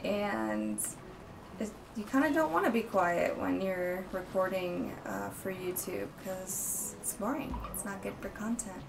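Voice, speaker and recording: A woman's voice: medium pitch, sing-song, unhurried, gravelly, recorded from a distance, noisy background. A woman co-hosting a let's play, chatting casually and rambling with fillers into a desk microphone at home. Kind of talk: casual gameplay chat. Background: game music.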